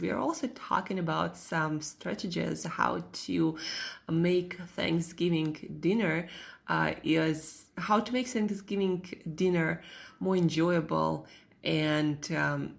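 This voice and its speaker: Russian accent woman coaching viewers, low gravelly voice, halting casual pep talk. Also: a bit bright. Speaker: host, self-help coach.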